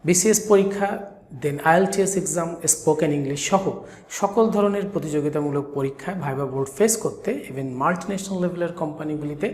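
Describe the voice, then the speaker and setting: Man, Bangladeshi accent, fairly high voice, pronunciation lesson, slow repeated example words, roomy long reverb, faint hiss. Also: darkish tone. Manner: stretches and repeats example words slowly, switching between two languages. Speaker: English pronunciation teacher. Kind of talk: video lesson, slow emphatic drilling of words. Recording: echoey room with long reverb, faint ambient noise.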